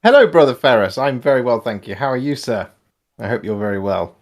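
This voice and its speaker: A man chatting as a guest on a hobby livestream, relaxed and agreeable. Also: mid-range voice, fairly quick. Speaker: guest host. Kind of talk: casual hobby chat livestream.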